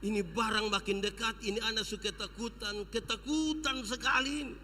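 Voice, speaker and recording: High, bright-voiced preacher with a Sumba accent. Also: male voice, steady tone, moderate pace, slight background noise. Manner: dramatic, swings from shouting to hushed. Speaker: pastor. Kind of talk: revival sermon storytelling. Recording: long church hall reverb.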